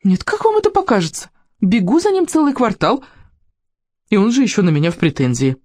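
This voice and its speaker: A reader voicing a fat, angry, bossy shop saleswoman who scolds in a high, shrill voice in an audiobook. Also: big pitch swings, fairly quick, a little mellow, no room sound, studio quality. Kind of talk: audiobook character voice.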